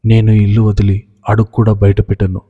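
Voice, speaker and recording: A man's voice: on the low side, completely flat delivery, a little fast, slightly rough, phone-quality sound. A man voicing a frightened young woman who fled a forced marriage, pleading through sobs. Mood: firm resolve. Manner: sobbing, pleading. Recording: long hall reverb.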